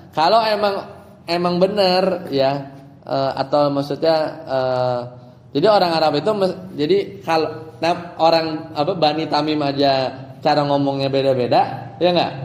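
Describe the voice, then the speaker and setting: A man's voice: on the high side, moderate pace, a little mellow. Man teaching grammar in an echoing hall. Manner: explains step by step, asks students rhetorical questions. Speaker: Islamic teacher. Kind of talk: casual Arabic grammar lesson.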